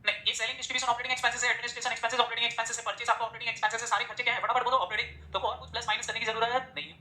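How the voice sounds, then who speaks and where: Male teacher, lecture mode, quick-fire quizzing of the class; fast and bright delivery, roomy echoey recording. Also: very high voice, flat delivery. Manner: drills the class with rapid-fire questions. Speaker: accounting teacher. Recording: echoey room.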